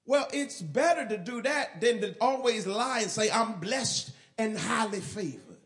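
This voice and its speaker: A male pastor preaching a sermon, shifting from quiet, low asides to shouted and half-sung lines. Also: expressive, measured pace.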